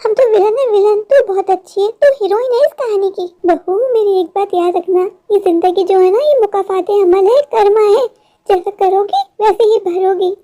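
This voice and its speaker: A woman voicing a bitter, sharp-tongued older mother-in-law in a cartoon story, taunting her daughter-in-law. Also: very high-pitched, moderate pace.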